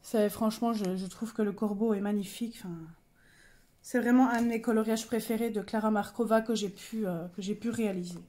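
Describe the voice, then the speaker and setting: A woman's voice: medium pitch, steady tone, a little fast, dark tone, slight background noise. A young woman casually showing her coloring pages, chatty and hesitant, with many fillers and self-corrections. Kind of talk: casual show-and-tell.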